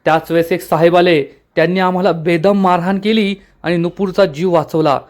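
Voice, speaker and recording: एक पुरुष घाबरलेल्या गुंडाच्या ओळी वाचतो. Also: male voice, sits high, fairly even intonation, brisk, darkish tone, natural voice. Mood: sheepish. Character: cowed hired thug on phone.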